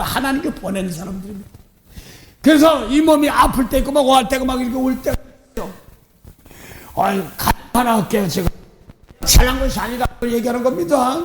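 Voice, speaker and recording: Preaching a dawn service sermon in a church sanctuary, a middle-aged male pastor tells a personal story, acting out the voices and laughing often at himself. His very high voice comes fast but with long pauses, and the room is echoey with slight background noise.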